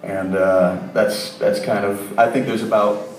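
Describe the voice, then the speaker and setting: Unhurried male musician from Ohio for a radio interview; roomy, distant sound. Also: lowish voice, flat delivery. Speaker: musician guest.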